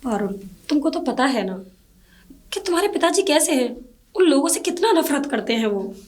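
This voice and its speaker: A woman's voice: sits high, sing-song, normal speed. A woman playing a worried middle-aged mother who asks anxious, pleading questions. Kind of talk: low-budget film drama acting.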